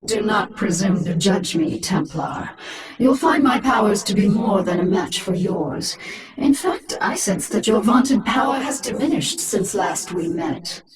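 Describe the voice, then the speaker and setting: A woman's voice: mid-range voice, animated, measured pace, roomy sound, recorded from a distance, heavy background noise, lightly acted. A woman voicing a haughty, menacing alien-infested warrior queen in a video game, imperious and taunting with theatrical delivery. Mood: defiant. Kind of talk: dramatic video game voice acting.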